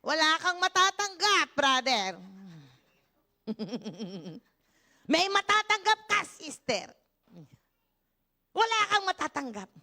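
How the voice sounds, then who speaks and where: An older woman from the Philippines preaches at a church service in a very high, bright, forceful voice. She is animated and breaks into shouted praise. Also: slow, long pauses. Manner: animated preaching with shouted hallelujahs and frequent laughter. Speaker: pastor. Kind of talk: sermon.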